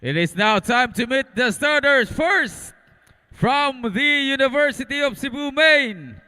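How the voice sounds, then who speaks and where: Filipino guy doing stadium announcer intros, really high clear voice, stretches the names out. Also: lively intonation, sharp tone, long reverb tail. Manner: drawn-out, projected announcer delivery. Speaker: arena announcer.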